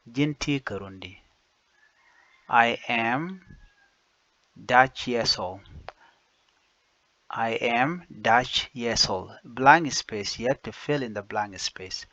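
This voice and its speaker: A man teaching basic phrases, saying each one slowly and repeating it in two languages. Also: medium pitch, lively intonation, bright, forceful tone, dry recording. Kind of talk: slow phrase-by-phrase language lesson. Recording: dull lo-fi dry recording.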